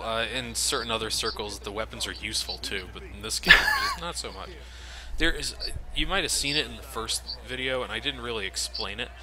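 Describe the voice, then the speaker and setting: A let's play commentator with a mid-range, pushed, bright voice talks casually over a video game, cracking sarcastic jokes and swearing freely.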